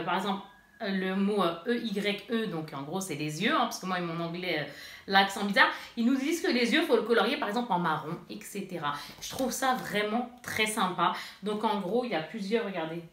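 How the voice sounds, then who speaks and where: A woman's voice: mid-range voice, a bit bright. A mother chatting casually through an unboxing vlog in her bedroom, rambling and talking straight to her viewers. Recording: echoey room.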